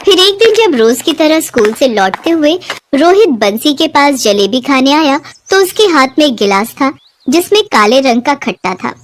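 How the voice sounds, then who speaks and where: A woman narrating a children's moral story in clear, expressive storytelling. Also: high-pitched, moderate pace, a little hiss or hum.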